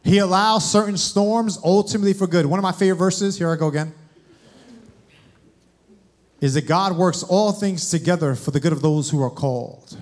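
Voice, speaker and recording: A man's voice: high voice, moderate pace. A young man preaching a sermon, addressing the congregation directly with questions. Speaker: guest preacher.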